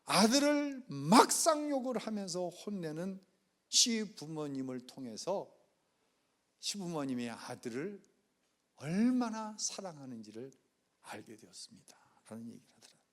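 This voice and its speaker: Lively, high-voiced Korean pastor preaching. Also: male voice, a little slow. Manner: storytelling with acted quotes, shifting loudness. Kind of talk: sermon. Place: church sanctuary.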